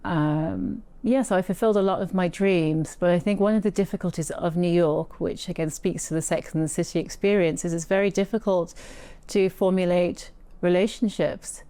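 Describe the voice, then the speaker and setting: A woman guest talks through her story in a relaxed interview, reflective and a little halting, restarting her sentences now and then. Her voice sits on the low side and sounds smooth and clear. The recording is dry and close. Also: dry recording. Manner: reflective, with frequent restarts and soft laughs. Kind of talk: casual interview conversation.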